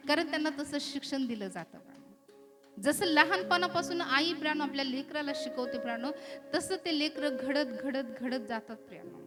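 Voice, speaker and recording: High-voiced Marathi woman preaching. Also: moderate pace. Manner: preaching with frequent "hallelujah" and "beloved" refrains; rises to loud emphatic exhortation. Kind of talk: sermon. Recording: music playing behind the voice.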